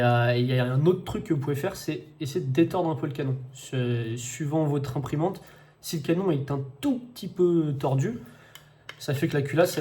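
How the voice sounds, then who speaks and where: A man's voice: mid-range voice, mellow. A man casually explaining how to put together a printed model, hesitant and full of fillers, new to commenting. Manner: hesitant, many fillers and restarts, first time commenting. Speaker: 3D-printing maker demonstrating an assembly.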